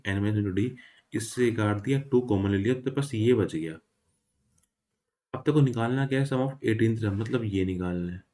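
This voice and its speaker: Chatty young maths tutor, lowish voice. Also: male voice, dark tone. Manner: chatty, informal, mixes Hindi and English, apologetic about mistakes. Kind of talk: casual exam-revision lesson.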